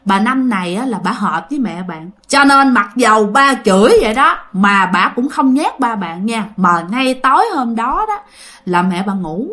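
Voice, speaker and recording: A woman's voice: a little high, lively intonation, normal speed, a bit bright. A woman telling a ghost story in a chatty way, addressing listeners directly. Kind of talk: casual ghost story narration.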